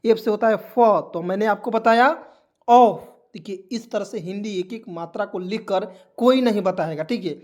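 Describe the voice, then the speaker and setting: A man's voice: sits high, moderate pace, hardly any pauses, a little mellow. A man giving an online English lesson, repeating points and answering his own questions, with a preachy motivational tone and frequent friendly fillers. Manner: keeps saying "okay" and "friends" as fillers. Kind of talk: spoken lesson to a video audience.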